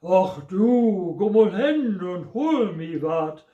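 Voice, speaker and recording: A man voicing a lovesick dark-brown she-cat in a Low German comic poem, with a high, whining cat voice and a Low German accent. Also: animated, takes it slowly, lo-fi sound. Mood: pleading. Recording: roomy echo.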